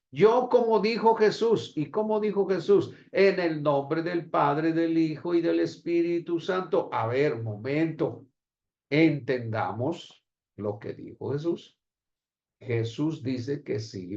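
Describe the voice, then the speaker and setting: A man's voice: mid-range voice, dull audio. A middle-aged male pastor with a Mexican Spanish accent, teaching a baptism class and acting out conversations in different voices. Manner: animated, acts out dialogue with shifting voices.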